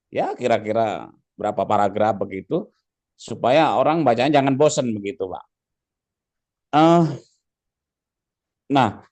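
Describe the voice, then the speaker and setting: Halting man asking a long seminar question. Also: mid-range voice, a little mellow. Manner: rambling, halting, ends phrases with "Pak". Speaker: audience member asking a question.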